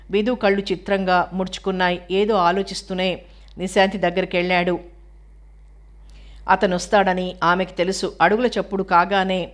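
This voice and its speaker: A woman narrating a novel aloud in a steady, even storytelling manner. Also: lowish voice. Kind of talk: audiobook novel reading.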